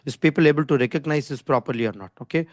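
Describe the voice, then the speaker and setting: An Indian man with an Indian English accent talks fast while giving a live online design skills lesson over a screen-shared video call, explaining informally. His fairly high voice has studio quality and no room sound. His manner is didactic and insistent; he repeats himself and often checks in with "okay?"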